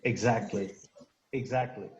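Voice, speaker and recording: A man's voice: lowish voice, steady tone, takes it slowly, crowd noise. Patient man teaching English on a video call. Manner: patient, drills pronunciation and asks for questions. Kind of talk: online class, explaining grammar. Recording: roomy, dull video-call audio with faint noise.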